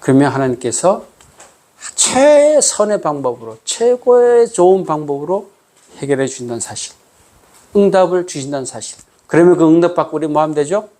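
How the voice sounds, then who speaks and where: Pastor guy preaching, keeps asking the room questions, bit high voice. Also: big pitch swings, moderate pace, warm tone. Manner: conversational preaching with frequent call-and-response questions. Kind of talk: sermon.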